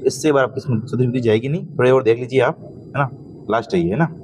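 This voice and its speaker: A man's voice: mid-range voice, quick pace. A man teaching a grammar lesson, explaining patiently and often checking with his students whether they follow. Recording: noisy recording.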